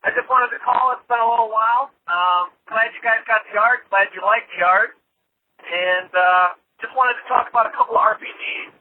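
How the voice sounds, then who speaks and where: A man rambles through a call-in message from his car, stopping often on fillers. His voice sits fairly high and comes through a thin, clipped phone line with the road noise of a moving car behind it. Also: normal speed. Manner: rambling, hesitant with many fillers. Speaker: caller.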